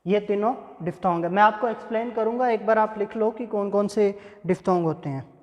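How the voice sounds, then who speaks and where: A man teaching English pronunciation in a classroom-style lesson, speaking deliberately and repeating example words so they can be drilled. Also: high voice, muffled recording. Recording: echoey room with long reverb.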